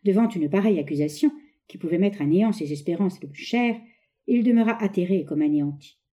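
Woman, audiobook narration, very mellow dark tone, measured expressive reading. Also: on the low side, lo-fi sound. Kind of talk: scripted narration of a novel.

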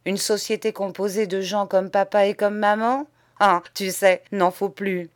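In an audiobook, a woman voices a cynical, spoiled young Parisian man, drawling in a Paris accent, mocking and gleeful. Her own voice is medium-pitched and close to everyday speech, with fairly even intonation and a measured pace.

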